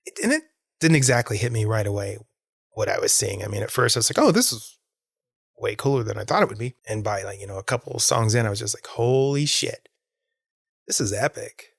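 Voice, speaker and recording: A man's voice: fairly low pitch, quick pace, vocal fry, breathy edge, no echo, clean studio sound. A man hosting a podcast, rambling with enthusiasm about a concert and laughing often. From Florida. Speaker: podcast host. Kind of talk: casual solo podcast monologue.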